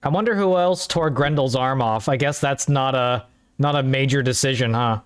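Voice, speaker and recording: A man's voice: mid-range voice, normal speed, smooth. A man streaming a story game, talking in a rambling, offhand way and swearing casually. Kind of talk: casual let's-play commentary.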